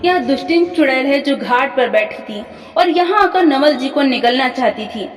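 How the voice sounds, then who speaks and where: A woman's voice: high-pitched, expressive, normal speed. Woman doing a spiteful accusing maidservant. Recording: echoey hall from far off, faint music.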